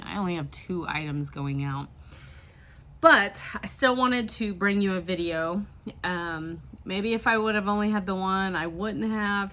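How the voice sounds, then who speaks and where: A woman's voice: on the low side, a bit bright. A woman from the Midwest, a part-time reseller, chatting casually to camera while sniffly with a tickly throat. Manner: chatty and apologetic, with small laughs.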